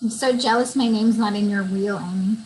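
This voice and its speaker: A woman's voice: medium pitch, steady tone, normal speed, darkish tone, slight background noise, rough recording. A woman co-hosting, reading out product benefits and adding casual asides. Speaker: co-host describing products.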